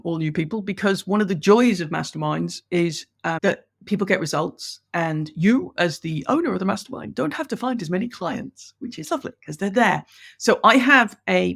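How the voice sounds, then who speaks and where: A business coach from Ireland with an English accent appears as a guest on a conversational podcast interview, chatting enthusiastically and laughing as she explains. Her medium-pitched voice is expressive, with vocal fry, and she speaks at normal speed.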